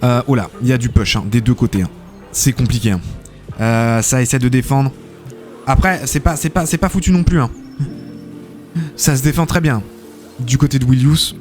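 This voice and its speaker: A man's voice: mid-range voice, normal speed, long pauses, faint music behind. Chatty male game streamer. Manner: chatty, thanks viewers often, many fillers and "hein". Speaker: streamer hosting a tournament. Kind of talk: live-stream game commentary and chat reading.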